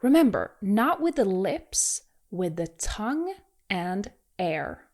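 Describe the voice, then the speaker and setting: A woman's voice: mid-range voice, sing-song, slow, darkish tone. A woman teaching pronunciation in an encouraging, reassuring way, demonstrating exaggerated rolled R sounds for learners to repeat. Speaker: language teacher. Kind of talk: pronunciation lesson with pauses to repeat.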